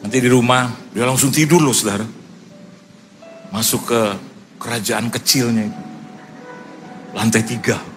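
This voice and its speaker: A male pastor telling stories in a humorous sermon, in a casual, lively way, acting out other people's voices. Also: mid-range voice, moderate pace, pauses often, soft background music. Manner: lively, acts out quoted voices; casual colloquial speech with fillers.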